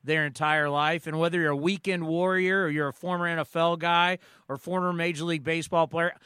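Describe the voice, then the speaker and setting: Guy in his 40s doing sports radio, high bright voice, dry studio sound, rambles on with energy. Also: fairly even intonation, a little fast, clear, resonant tone, no room sound.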